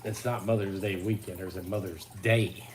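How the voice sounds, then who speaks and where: A man's voice: sits low, steady tone, moderate pace, darkish tone, a little hiss or hum. Dry, teasing man in a garage. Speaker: host tying jigs on a livestream. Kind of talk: casual chat while working. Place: home garage.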